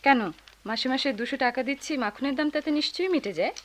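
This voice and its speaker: একজন অভিনেত্রী চাকরিজীবী, শান্ত ও রসিক তরুণী বড় মেয়ের চরিত্রে, নব্বইয়ের দশকের বেতার নাটকের ঢঙে।. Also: female voice, high-pitched, quick pace, natural voice. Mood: complaining. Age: young adult. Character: level-headed working elder daughter, dry humor. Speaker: elder working daughter. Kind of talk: 1990s radio drama acting.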